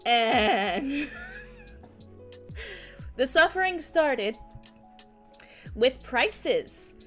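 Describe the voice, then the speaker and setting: Cute, high-pitched giggly woman streamer. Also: very slow, soft background music. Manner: giggly, frequently breaking into laughter; expressive, playfully dramatic. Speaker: VTuber live streamer. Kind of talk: casual chat stream.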